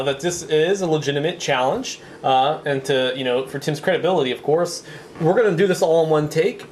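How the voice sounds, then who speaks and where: A man with a slightly high voice hosts a casual food challenge in a wordy, mock-formal manner. He delivers his commentary like a official judge, with clear noise in the recording. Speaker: host of a web challenge show. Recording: clearly noisy background.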